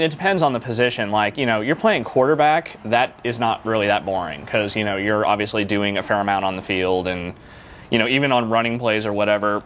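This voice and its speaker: A low-voiced man talks through a video game review in loose, casual live-broadcast chat. He rambles, restarts his sentences and trips over repeated words. A faint hiss sits under the recording. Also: fairly bright tone.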